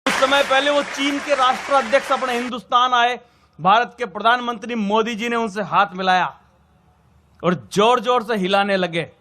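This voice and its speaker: A man's voice: extremely high pitch, steady tone, moderate pace. A man performing live satirical stand-up as a comic poet, telling jokes to an audience. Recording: echoey hall with background noise.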